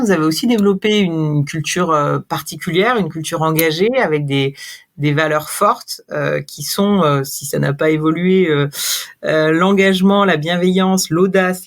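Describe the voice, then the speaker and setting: Podcast interviewer, lots of euh, winding questions, mid pitch. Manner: halting questions with many fillers.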